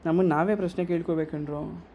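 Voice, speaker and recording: A man's voice: on the high side, steady tone, fast talker, darkish tone, a little hiss or hum. A young man with a Kannada accent giving a motivational workshop talk, scolding the audience with rhetorical questions. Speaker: workshop speaker.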